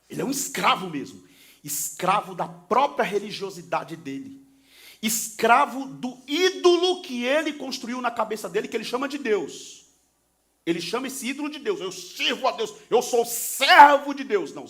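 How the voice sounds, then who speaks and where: A male pastor preaching a sermon, swinging from soft talk to shouting and acting out quoted lines. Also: high-pitched. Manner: acts out the sons and father in quoted voices.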